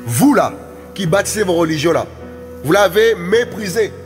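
A man's voice: high voice, animated, normal speed, in a large hall, soft background music. A man preaching a fiery sermon, exhorting and repeating words as he urges his listeners on.

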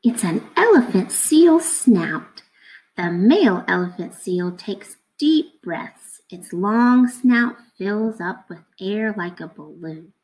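In a low-quality recording, a woman in her thirties reads a picture book to children slowly, her voice sitting in the mid-range. She sounds like a teacher, expressive and instructive, and keeps quizzing her audience.

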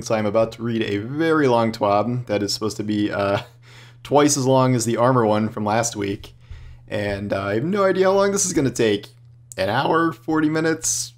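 A man with a somewhat low voice reads through a long text and reacts to it as he goes, hosting a gaming video. His delivery is loose and chatty, full of fillers, and he breaks into sudden excitement. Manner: casual, chatty, with many fillers; bursts into excitement. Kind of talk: live read and reaction.

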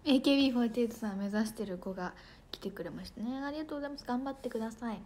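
A woman's voice: on the high side, rapid-fire, darkish tone. A young woman idol livestreaming in casual chat, bubbly and chatty, thanking viewers for gifts and sometimes tripping over her words.

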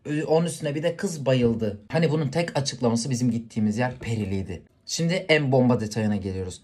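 A man's voice: medium pitch, fast talker, darkish tone. A man vlogging, telling a story casually to the camera and talking straight to his viewers. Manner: chatty, addresses viewers directly.

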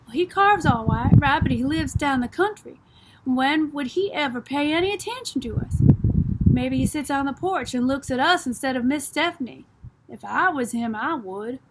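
A woman's voice: high-pitched, animated, moderate pace, noisy background. A woman reading the part of an earnest, secretive boy of about twelve, using drawling Southern small-town speech. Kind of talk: audiobook reading.

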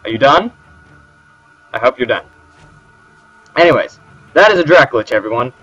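A man's voice: medium pitch, lively intonation, normal speed, pushed and bright, slightly rough. A man commentating his gameplay, sarcastic and joking as he talks to the characters. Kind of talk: let's play commentary. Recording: slightly dull with game music.

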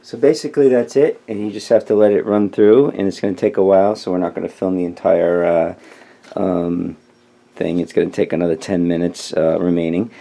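Explaining things step by step in an informal way, a tutorial host talks in a low, creaky, mellow voice. His tone stays level and his pace is fairly quick.

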